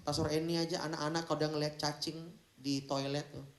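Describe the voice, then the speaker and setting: A pastor preaches in a fairly high voice, full of jokes, sudden shouts and quiet asides. His words ring through a roomy church hall with plenty of echo. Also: fast talker. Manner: animated, humorous, switches between shouting and hushed asides. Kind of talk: lively Pentecostal sermon.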